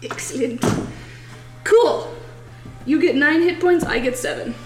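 A woman's voice: high-pitched, measured pace. A woman playing a tabletop role-playing game, chatting casually and playfully at the table. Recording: echoey room with faint music.

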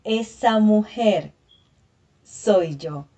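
A woman hosting a podcast, giving a measured, gentle scripted narration. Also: medium pitch, loud music behind the voice. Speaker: podcast host.

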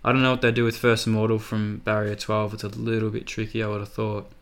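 An Australian man, a racing tipster co-hosting a podcast, chats casually through horse racing form, hedging and tentative in his picks. His lowish, fairly bright voice is monotone and fast.

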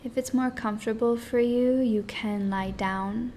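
A woman leading a guided meditation in a soft, hushed, partly whispered voice, speaking in short phrases with long pauses. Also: a little high, fairly even intonation, a little hiss or hum.

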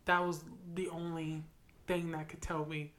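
Chatty young woman, lowish voice. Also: level tone, a little slow, fairly bright tone. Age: 20s. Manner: rambling, frequent "like" fillers. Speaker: podcast co-host. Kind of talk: casual chat.

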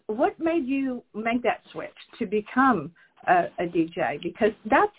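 A woman hosting a podcast interview, enthusiastic and halting with frequent restarts. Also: medium pitch, husky. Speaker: podcast host. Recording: phone-like narrow audio.

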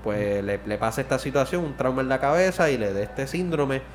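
A man in loose podcast chat, circling back on his own words and swearing freely. His voice sits at a middling pitch, with a faint hiss in the room. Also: fairly quick. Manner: rambling, swears often, restarts mid-sentence. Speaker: podcast co-host. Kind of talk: casual chat.

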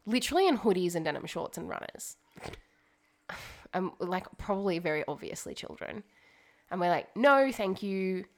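A young woman co-hosting a podcast, telling a long story in a rambling, animated way full of fillers. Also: on the low side, moderate pace, long pauses. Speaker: podcast co-host. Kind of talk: casual chat, storytelling. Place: home dining room.

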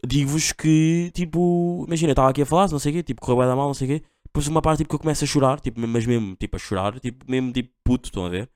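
A man's voice: mid-range voice, very fast, hardly any pauses, darkish tone, no echo, clean studio sound. A young man with a Portugal accent hosting a casual solo podcast, rambling in slang with constant fillers. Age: young adult. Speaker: podcast host.

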